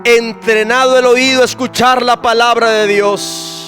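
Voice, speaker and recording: A man preaching a fervent sermon at a church service, swinging from soft asides to loud, drawn-out shouts and calling out to listeners by name. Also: very high voice, steady tone, soft background music. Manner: repeats key phrases and calls out to listeners by name. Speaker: pastor.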